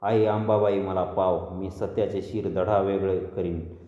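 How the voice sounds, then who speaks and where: Brief: a man voicing a vengeful young man shouting an oath, low dark voice, long reverb. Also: little pitch movement, a little slow, highs cut off. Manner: vowing loudly. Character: young man swearing revenge at a temple.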